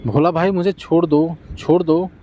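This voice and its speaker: A man's voice: on the high side, fairly even intonation, moderate pace, warm tone, a little hiss or hum, close to an everyday voice. A man voicing a small, pretty talking bird that pleads tearfully to be set free in a storybook tale. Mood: pleading.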